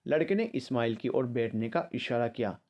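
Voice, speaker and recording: A man narrating a written family story, reading all the characters' lines himself in a mostly even voice. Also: mid-range voice, moderate pace.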